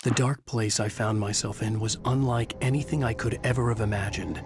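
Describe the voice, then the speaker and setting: An actor playing a haunted, weary writer in a game, narrating in a brooding, measured, literary way. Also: male voice, lowish voice, background noise, natural voice. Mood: reflective, ominous. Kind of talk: dramatic scripted game narration. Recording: music behind voice.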